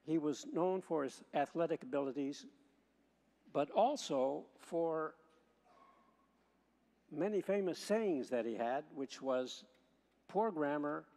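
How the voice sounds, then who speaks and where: A man, a priest, reading the gospel and preaching in a measured way, slowing to stress key words, with a long church echo around his voice. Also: fairly high pitch, gravelly, a little mellow. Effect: long church hall echo. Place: large church. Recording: long reverb of a large church.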